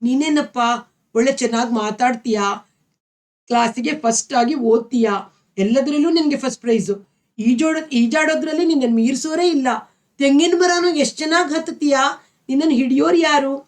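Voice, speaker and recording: Woman doing admiring village schoolgirl, soft, colloquial, pitched up. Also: normal speed, lightly acted.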